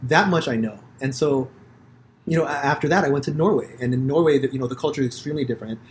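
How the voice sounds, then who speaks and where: A man from the United States hosting a podcast, telling stories in a rambling, profane, animated way with many restarts. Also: medium pitch, fast talker, a little hiss or hum. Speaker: podcast host. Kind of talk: casual conversation.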